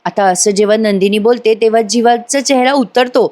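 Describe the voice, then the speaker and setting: A woman's voice: a little high, normal speed, darkish tone. A woman narrating a voice-over review, retelling a TV serial episode in a chatty storytelling way.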